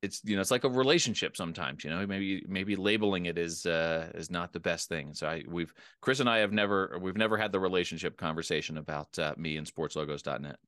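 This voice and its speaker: A man's voice: low voice, quick pace, hardly any pauses, a bit bright, no echo, studio quality. A middle-aged American man from Philadelphia co-hosting a podcast, chatting casually in a wry, talkative way. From Philadelphia, United States. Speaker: podcast co-host.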